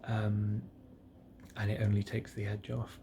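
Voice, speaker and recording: A man in a drowsy, relaxed state after surgery, talking casually and haltingly to himself on a vlog, subdued and trailing off between phrases. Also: on the low side, vocal fry. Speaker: patient vlogger recording a health diary. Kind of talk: casual solo vlog, rambling reflection. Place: indoors, alone in a private hospital room. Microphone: self-recording on a device with a screen. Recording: noisy room ambience.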